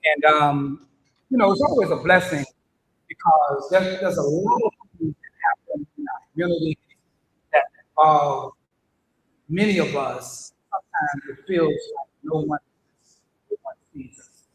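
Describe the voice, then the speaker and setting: With big pitch swings, vocal fry, and a fairly bright tone at a measured pace, an older man welcomes everyone to his church and prays earnestly, often repeating phrases. The church hall echoes, and a faint rumble sits in the background.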